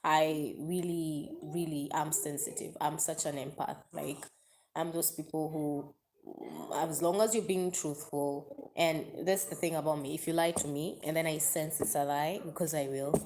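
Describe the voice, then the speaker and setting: A woman's voice: low voice, fairly even intonation, normal speed, darkish tone, slight background noise. A woman chatting openly and emotionally on a live stream, answering viewers' comments. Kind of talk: casual confessional live chat.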